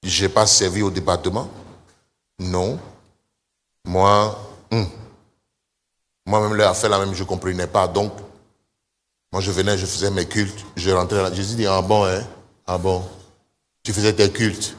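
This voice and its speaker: A man pastor preaching a lively sermon, speaking straight to his congregation and pushing up into high, emphatic calls, with a few English phrases mixed in. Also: a little slow, long pauses, big-room sound, slight background noise. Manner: mixes in short English phrases. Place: church service.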